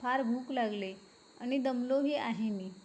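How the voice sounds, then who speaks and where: A patient young husband with a soft, coaxing way of talking, as a woman reader puts him on. He pleads gently and steadily. The voice sits a little high. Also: unhurried, slight background noise, close to an everyday voice. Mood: pleading.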